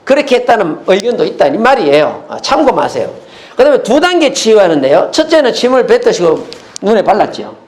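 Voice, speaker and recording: Animated high-voiced male pastor preaching. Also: a little fast, reverberant. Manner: animated preaching, asks the congregation questions. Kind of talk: sermon. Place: church.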